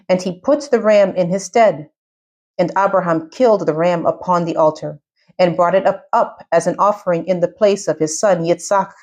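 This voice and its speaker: A woman reading scripture aloud with measured, steady narration. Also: lowish voice. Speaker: scripture reader.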